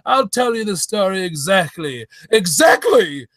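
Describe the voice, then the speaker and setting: A man's voice: high voice, big pitch swings, a little slow, fairly bright tone, no room sound, exaggerated voice. A man playing a fussy old doctor in a hammed-up radio play, stammering and rambling as he goes. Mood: befuddled, reminiscing. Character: doddering, fussy old English doctor Watson reminiscing. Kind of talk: hammed-up old-time radio acting with comic ad-libs.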